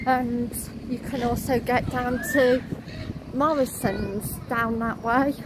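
A woman, chatting slowly as she points out shops on a walking tour, recorded outdoors on a camera mic. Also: fairly high pitch, fairly even intonation. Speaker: vlogger. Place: outdoors on town streets. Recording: loud wind and traffic noise.

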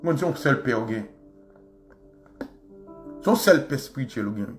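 A man with a Haitian Creole accent, hosting a show and delivering an impassioned, mocking monologue. He repeats phrases and swings between loud outbursts and low asides. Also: expressive, unhurried, faint music behind. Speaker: radio show host.

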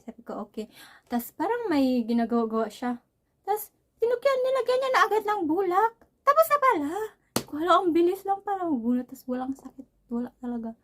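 A woman's voice: on the high side, a little mellow. Chatty young woman telling a story. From Philippines. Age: young adult. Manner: chatty, rambling, laughs often. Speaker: vlogger. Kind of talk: casual storytelling.

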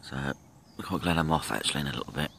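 A middle-aged man filming his own fishing trip, chatting casually and thinking aloud with pauses from behind a handheld camera by a lake. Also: rumbling low, lively intonation, vocal fry, fairly bright tone, a little hiss or hum. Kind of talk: casual self-filmed commentary. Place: outdoors by a lake. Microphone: handheld camera from behind the lens. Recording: outdoor ambience with nature sounds.

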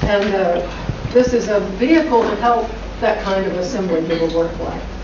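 Heard from across a conference room on a distant camera mic, a middle-aged school director hosting a forum introduces the guests, adding chatty asides. She speaks at normal speed with a medium pitch, and the recording is echoey, noisy and dull lo-fi.

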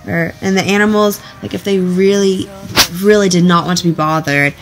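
A young woman chatting casually in a travel vlog, upbeat and giggly. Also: lowish voice. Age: young adult. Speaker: vlogger.

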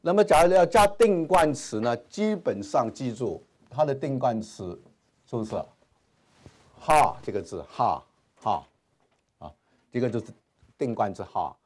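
Male grammar teacher giving a classroom lecture, lively pitch, constant filler sounds. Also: unhurried, pauses often. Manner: frequent "啊" and "哈" fillers, mixes English terms. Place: classroom with whiteboard.

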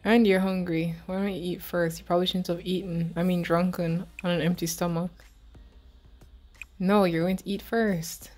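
A woman's voice: fairly low pitch, level tone, normal speed, darkish tone. A woman gaming YouTuber giving chatty, giggly let's-play commentary, bossing her characters around.

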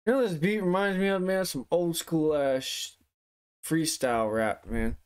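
A man's voice: on the high side, normal speed, clean tone. A young man giving casual, slangy, profane reaction commentary, his speech affected by a swollen face and sore tooth. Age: young adult. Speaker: music reaction host. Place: living room at home.

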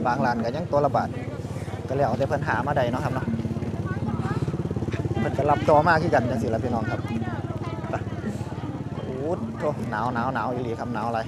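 A man with an Isan accent chats casually on a market walk-around, repeating phrases and calling out to viewers. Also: mid-range voice. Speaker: vlogger touring a morning market. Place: busy open-air morning market. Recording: loud outdoor market and vehicle noise.

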